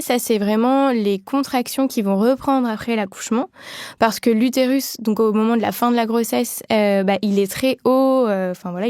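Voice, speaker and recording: A woman's voice: mid-range voice, darkish tone, no echo, studio quality. A woman midwife explaining things in a podcast interview, with many fillers and restarts.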